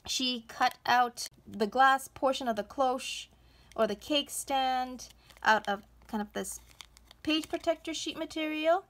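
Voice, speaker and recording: A woman, hosting a casual crafting show-and-tell, gushing with excited exclamations over each item. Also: high-pitched, slow. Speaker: crafting channel host.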